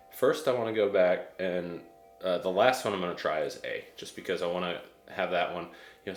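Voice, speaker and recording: This whiskey reviewer is an American man with a deep voice giving a casual tasting review. He speaks hesitantly, thinking aloud as he works through his thoughts, and the recording sounds roomy with noticeable echo.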